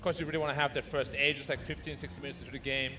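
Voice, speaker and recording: Very fast-talking male esports analyst. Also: medium pitch, flat delivery, noisy background. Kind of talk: conversational live match analysis. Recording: clear music behind the voice. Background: music.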